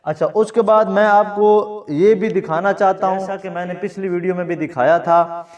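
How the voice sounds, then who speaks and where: Male Pakistani teacher, patient board explanations, higher voice, far from a muffled mic. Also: steady tone, a little mellow. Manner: explains patiently, often checks understanding. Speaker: Korean language teacher. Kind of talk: classroom lesson at a board. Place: classroom, standing at a board. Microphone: camera mic from a distance. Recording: distant, dull camera audio.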